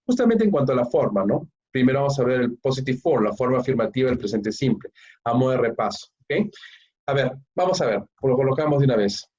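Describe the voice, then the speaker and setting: A man's voice: medium pitch, big pitch swings, quick pace, a little mellow, breathy edge, lo-fi sound. A man teaching an exam-prep English grammar lesson, explaining step by step and checking in with "ok?" after nearly every phrase. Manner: explains step by step, tags lines with "¿ok?" and "¿no?".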